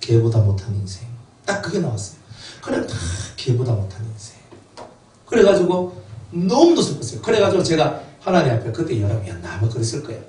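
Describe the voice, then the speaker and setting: A middle-aged pastor with a dark, medium-pitched voice gives an emotional sermon, speaking fairly quickly in a sing-song way as he tells his own life story and acts out what family members said. The church mic is distant and roomy, catching faint ambience and slight background noise.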